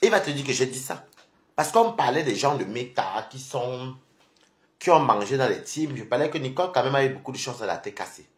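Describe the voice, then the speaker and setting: A man's voice: mid-range voice, lively intonation, brisk. Sleepy guy ranting on a phone livestream, keeps calling someone out, voice jumps all over. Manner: taunting, repeatedly calling out his rival. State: tired and sleepy. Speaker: live-stream host. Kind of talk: confrontational live-stream rant.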